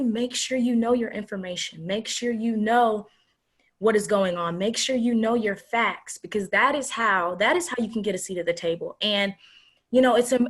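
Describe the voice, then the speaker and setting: A teenage girl, a graduating senior, answering a panel interview over a video call in an earnest, measured way with emphatic repetition. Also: mid-range voice, slightly rough. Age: teens.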